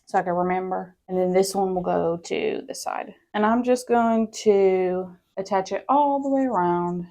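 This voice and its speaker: A young woman hosting a casual home sewing tutorial, chatty and quick to interrupt herself. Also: mid-range voice, warm tone. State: a little out of breath. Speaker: sewing channel host.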